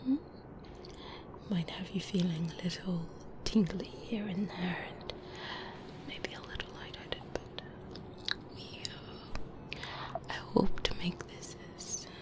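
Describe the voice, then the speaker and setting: A woman whispers breathily with murmured hums as a polite, softly sinister specialist doctor in an ASMR roleplay. Her fairly low voice is slow, with long pauses, and she sounds hesitant and insinuating. The mood is sly yet reassuring.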